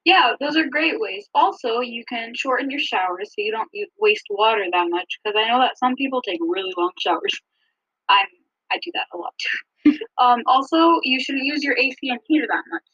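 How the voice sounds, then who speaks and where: A woman co-hosts a podcast with a bright, somewhat husky voice, chatting casually and often saying um. She comes through a low-quality phone line that sounds muffled and dry. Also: expressive, moderate pace, dry recording. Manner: casual, with frequent ums. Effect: low-quality phone recording. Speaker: podcast co-host. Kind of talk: casual scripted podcast chat.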